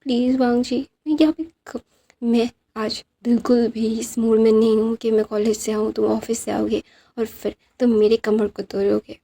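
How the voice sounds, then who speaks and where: A whiny young man complains and begs, rattling through his grievances, as a woman storyteller puts him on. The voice is gravelly and dark, with little rise and fall. It sits in a told fan-fiction story. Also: fairly high pitch, little pitch movement, normal speed. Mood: pleading. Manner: complaining, pleading, mixing in English phrases. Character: whiny young male omega, dramatic and exasperated. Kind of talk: storyteller voicing dialogue.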